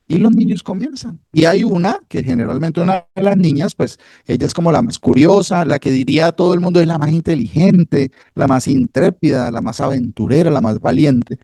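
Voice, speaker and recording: A man's voice: fairly high pitch, warm tone, no room sound, studio quality. A man preaching a sermon in a conversational way, often asking rhetorical questions and repeating phrases for emphasis.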